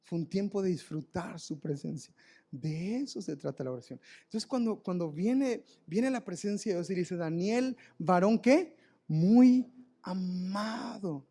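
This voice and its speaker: A man's voice: sits high, lively intonation, moderate pace, vocal fry, dark tone, breathy edge. A man preaching a live church sermon, telling a story with emotion and often repeating words. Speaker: pastor. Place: church service, recorded live.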